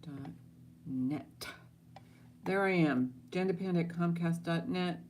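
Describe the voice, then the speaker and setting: Low-pitched, slow-talking woman hosting a live auction. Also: darkish tone, a little hiss or hum. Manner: chatty, addresses viewers directly, thinking aloud. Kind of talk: casual live-stream auction chat.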